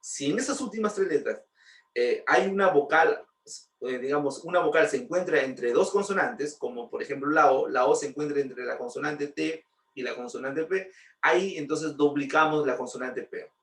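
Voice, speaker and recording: A man's voice: fairly high pitch, moderate pace, fairly bright tone, distant mic. A man teaching English grammar, patiently repeating points and checking with rhetorical questions. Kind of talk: explaining grammar lesson. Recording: roomy, voice from off-mic.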